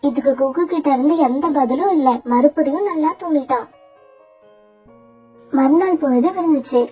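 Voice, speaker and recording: A woman narrating a cartoon storybook in a gentle, patient manner, also voicing a mother bird. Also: sits high, moderate pace. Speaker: narrator and mother sparrow Sona. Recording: dull lo-fi sound with faint music.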